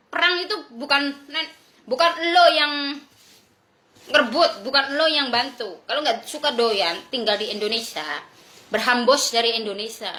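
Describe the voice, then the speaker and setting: A woman's voice: sits high, pushed and bright, roomy sound. A woman vlogger delivering a blunt, crude, confrontational rant to her viewers. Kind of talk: ranting monologue to viewers.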